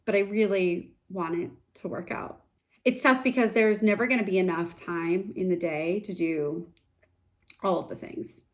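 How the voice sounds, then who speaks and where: Chatty woman vlogger, reflective and open. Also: mid-range voice. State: sick, congested voice. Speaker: vlogger, startup founder. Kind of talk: casual to-camera vlog.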